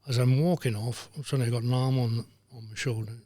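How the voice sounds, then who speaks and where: An older man, a former referee telling lively anecdotes as a guest, dropping into voices for the people he quotes. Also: medium pitch, fast talker, dry recording. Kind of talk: anecdotal storytelling.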